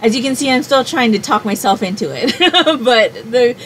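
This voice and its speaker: A woman's voice: on the high side, expressive, normal speed, a little hiss or hum, poor audio. Chatty woman vlogging from home. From Hawaii. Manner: chatty, rambling, thinks aloud with many fillers. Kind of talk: casual chat to camera. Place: small room at home, indoors.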